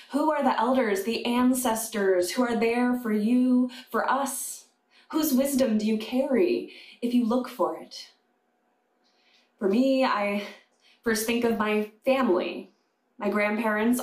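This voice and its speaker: A woman chaplain delivering a sermon to a congregation, slow and deliberate with pauses. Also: on the high side. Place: congregation sanctuary. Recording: echoey room.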